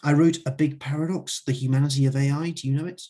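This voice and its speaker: A man's voice: on the high side, steady tone, fast, warm tone, pitched above the performer's own voice, natural voice. A man voicing a flustered middle-aged male author who stammers and grows indignant.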